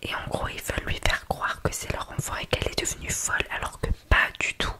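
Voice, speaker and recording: A woman speaks entirely in a hushed library whisper, breathy and unvoiced. She tells a story in ASMR style, informally and conversationally, pausing and hesitating as she goes. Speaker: ASMR video creator.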